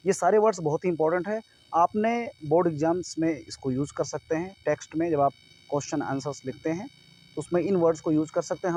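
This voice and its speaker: Man, young adult, slightly high voice, Hindi-English vocabulary lesson, repeats words slowly, explanatory. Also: a little mellow, highs cut off. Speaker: English teacher.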